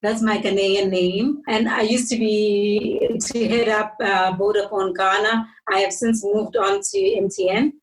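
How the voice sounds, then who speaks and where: A woman from South Africa introduces herself with a composed, professional manner. She speaks slowly and deliberately. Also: medium pitch, fairly even intonation, poor audio. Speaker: guest, telecom executive.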